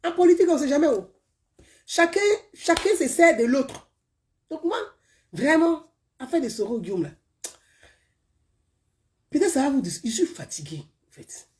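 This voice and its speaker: A woman from Côte d'Ivoire with an Ivorian French accent, talking to viewers in a casual live-stream monologue, emphatic and repetitive, her sentences often trailing off softly. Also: high-pitched, expressive, normal speed, long pauses. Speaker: live-stream political commentator.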